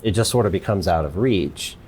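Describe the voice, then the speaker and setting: A man in his forties with a very low voice talks through his ideas as an interview guest. He explains at length, often restarting his sentences, and a faint rumbling noise sits underneath. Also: lively intonation, brisk, darkish tone. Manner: thoughtful, explanatory, with frequent restarts. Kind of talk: conversational interview.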